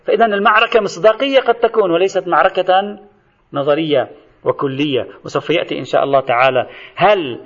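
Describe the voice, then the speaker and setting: A man's voice: high-pitched, fast talker, dull audio. A man lecturing to students in a recorded lesson, explaining step by step and addressing them directly.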